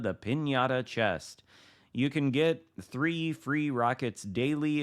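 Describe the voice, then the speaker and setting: A man reading video game patch notes aloud, breaking off into casual, wry, offhand asides. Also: mid-range voice. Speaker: gaming content creator reading patch notes.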